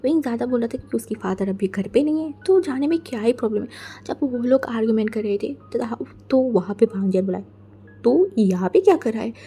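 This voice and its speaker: मधुर आवाज़ वाली कहानी सुनाने वाली महिला. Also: female voice, on the high side, brisk, dark tone, husky. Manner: chatty, mixes English words. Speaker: storyteller. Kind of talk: fan fiction narration. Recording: faint background music.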